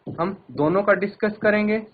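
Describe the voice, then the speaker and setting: A man's voice: high-pitched, normal speed, phone-quality sound. A man teaching a televised maths class in Hindi-accented speech, patiently addressing children and repeating each step.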